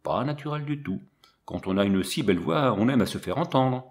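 A man reading an audiobook, voicing a calm soldier who talks low and deadpan. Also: a little fast, natural voice. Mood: dry. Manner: low, deadpan, matter-of-fact. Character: calm, dry-witted soldier, adult man.

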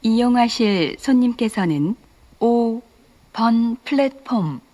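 A woman's voice: a little high, animated. Woman announcer over a station PA. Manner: slow, formal, evenly paced. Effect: over a station PA loudspeaker. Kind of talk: recorded train announcement.

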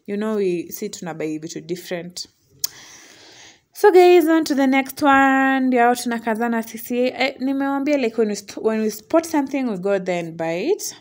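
A young woman with a Kenyan accent narrating a casual vlog, chatty and quick to laugh. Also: fairly high pitch, expressive, a little mellow. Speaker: vlogger. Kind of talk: casual vlog voice-over mixing English and Swahili slang.

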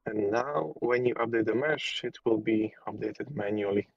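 A low-voiced man explains his tool over a weak-connection call. His delivery is hesitant, with fillers and restarts. The gravelly voice sounds dull and lo-fi, dry and close to the mic. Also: moderate pace, no echo. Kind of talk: casual technical explanation on a call.

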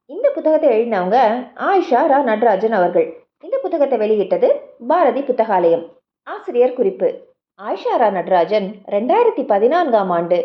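A woman narrating a children's storybook, animated and expressive, often asking her listeners questions. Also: a little high, lo-fi sound. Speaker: audiobook narrator.

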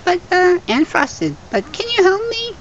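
A shrill, whiny little plush-toy creature, put on by a woman in a homemade toy show. Its squeaky voice sits far above her own and keeps begging for help. A faint hiss runs under the recording. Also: big pitch swings, measured pace, dull audio, heavily acted. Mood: pleading. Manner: high squeaky put-on voice, pleading.

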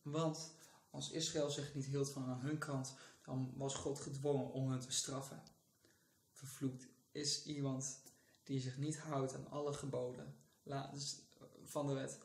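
A man's voice: medium pitch, roomy sound. A man with a Dutch accent speaking in a casual devotional vlog from his couch, fervent and often bursting into praise. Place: sitting on a couch indoors.

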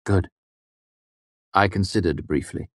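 A man narrating a fantasy novel in the first person, with a measured storytelling delivery. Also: sits low, no room sound, studio quality. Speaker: audiobook narrator.

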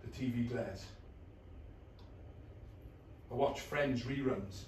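A man's voice: medium pitch, takes it slowly, a little mellow. A man in his thirties performs an intense, brooding dramatic monologue from a script in short clipped phrases. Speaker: actor in a rehearsed reading. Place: small bare indoor rehearsal room. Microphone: distant camera across the room. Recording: echoey room, far from mic, faint noise.

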